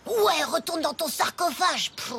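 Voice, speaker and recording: A woman's voice: very high-pitched, expressive, measured pace, fairly bright tone, full character voice. A woman voicing a sarcastic schoolboy friend in a cartoon, with dry, doubtful remarks.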